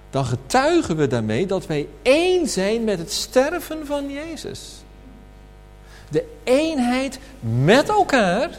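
Slow, dramatic male preacher in a hall. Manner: slow, emphatic preaching with dramatic pitch swings and rhetorical questions. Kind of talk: sermon. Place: church hall. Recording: reverberant hall with faint hum.

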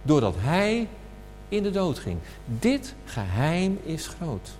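A man preaching a sermon at a communion service, slow and emphatic, asking rhetorical questions. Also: on the high side, wildly swooping pitch, a little mellow. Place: church hall. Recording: reverberant hall with faint hum.

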